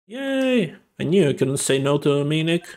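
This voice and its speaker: A man's voice: a little high, sing-song, unhurried, a little mellow. A man voicing a perky, playful teenage girl medium in a bubbly, whiny voice.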